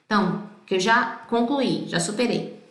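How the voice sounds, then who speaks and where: A Brazilian woman with a Brazilian Portuguese accent teaching Italian pronunciation, singing song lines slowly and explaining in quick bursts. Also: medium pitch, echoey room. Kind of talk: pronunciation lesson.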